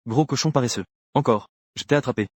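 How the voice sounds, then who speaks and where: A man's voice: medium pitch, quick pace, slightly rough, dry recording, clean studio sound, lightly acted. A man reading the lines of a playful, teasing teenage girl in a comic dub, in his own voice.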